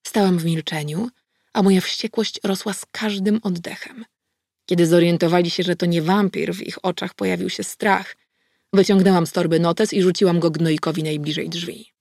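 Gravelly-voiced woman narrating an audiobook. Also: lowish voice, fairly even intonation, moderate pace, a little mellow, no room sound, studio quality. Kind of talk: first-person audiobook narration.

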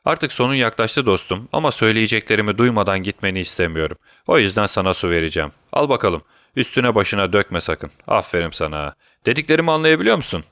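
A man's voice: fairly low pitch, lively intonation, fast, few pauses, fairly bright tone, no echo, studio quality. A man voicing a sly, gloating doctor villain in an audiobook, mocking and taunting his victim. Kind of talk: audiobook character voice.

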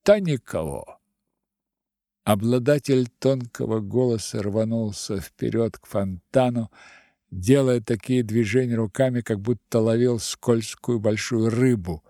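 A man narrating a literary audiobook in a measured, expressive way. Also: mid-range voice, dry recording, clean studio sound.

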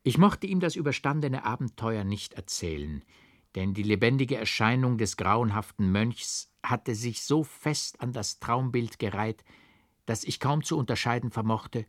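A man narrating a classic novel as an audiobook, with measured rhythm and careful stress. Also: fairly low pitch, no echo, studio quality. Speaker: audiobook reader.

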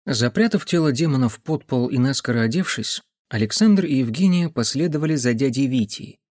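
A man reading a fantasy story aloud as narrator in a steady, even way. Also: mid-range voice, fairly quick, no echo, studio quality. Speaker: audiobook narrator. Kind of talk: scripted narration.

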